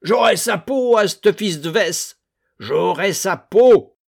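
A man's voice: medium pitch, very animated, slow pace, a little mellow. A man voicing a brawny, furious fisherman who bellows curses and threats. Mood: raging. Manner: bellowing and cursing.

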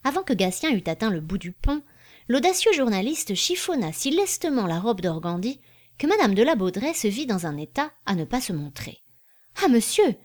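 A woman reads a classic novel aloud as an audiobook narrator. Her delivery is measured and even. Her voice sits in a middle pitch for a woman. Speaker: audiobook reader.

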